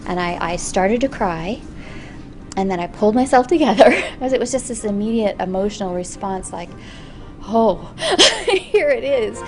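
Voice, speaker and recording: A woman's voice: mid-range voice, a little fast, a little mellow, soft background music. A middle-aged woman, a mother, speaking in a heartfelt, emotional interview.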